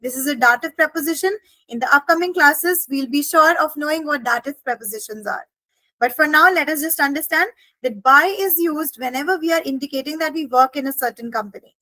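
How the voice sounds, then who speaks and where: Bright, high-voiced woman teaching German. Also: no room sound, rough recording. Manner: explains each phrase step by step, slows for German examples. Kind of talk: language lesson explanation.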